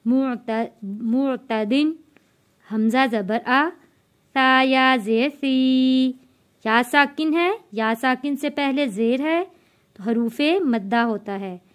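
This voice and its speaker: Woman, Quran reading teacher, high voice, unhurried, spells letters then drawls syllables. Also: clear, resonant tone. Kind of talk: slow step-by-step recitation lesson.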